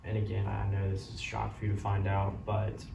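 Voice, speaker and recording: A man playing a caring doctor who breaks bad news gently, apologetically and haltingly in a role-played consultation. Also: fairly low pitch, completely flat delivery, gravelly. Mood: gentle, apologetic. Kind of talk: amateur role-play of a medical consultation. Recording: roomy, distant mic, loud background noise.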